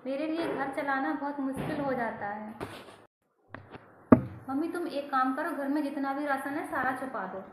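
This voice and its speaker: A woman's voice: high voice, normal speed. A woman performing a homemade family skit, switching between bickering relatives and narrating. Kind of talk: homemade family skit acting all roles. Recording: echoey room with faint noise.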